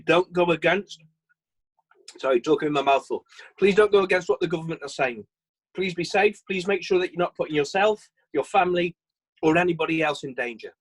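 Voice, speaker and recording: A man's voice: high-pitched, fairly bright tone, low-quality recording. Chatty man leading a video-call training. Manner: chatty, self-deprecating, repeats and restarts phrases. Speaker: sales trainer. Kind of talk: virtual training session.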